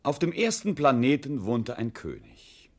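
A man narrating a scripted children's story in a gravelly, husky voice. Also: medium pitch, big pitch swings, measured pace.

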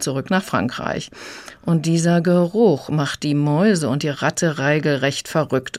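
Brief: female book reviewer, deep voice, calm and measured. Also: dry recording.

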